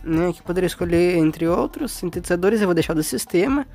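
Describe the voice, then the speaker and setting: A woman's voice: lowish voice, animated, brisk, mellow. Informal Brazilian woman giving a tutorial. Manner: informal, often checking in with short tag questions. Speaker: tutorial host. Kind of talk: casual step-by-step phone tutorial. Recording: faint music behind.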